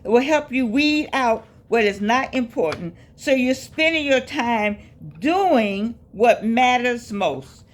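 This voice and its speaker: A woman's voice: fairly high pitch, expressive, slow. A woman, giving a folksy, preachy motivational talk, repeating phrases and calling listeners baby. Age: 80s. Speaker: life coach vlogger. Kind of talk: casual motivational talk to camera.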